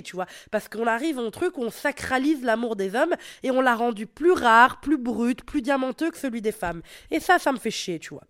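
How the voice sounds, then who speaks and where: A young woman hosts a casual advice podcast, talking straight to the listener in a blunt, playful way and swearing freely; she sounds a little sick. Her voice is fairly high, recorded on a headset mic with clean studio sound and no echo.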